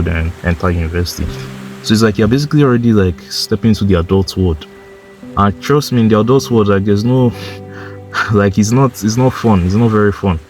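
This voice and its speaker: Low-voiced young man giving blunt advice. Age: 20s. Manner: blunt, swearing, heavy use of "like" and "bro"; insistent, repeats points for emphasis. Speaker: motivational YouTuber. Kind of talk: casual motivational monologue.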